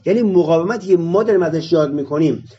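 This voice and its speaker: A man's voice: on the high side, mellow, husky, dull audio. A man arguing his point in a discussion session, explaining it through rhetorical questions.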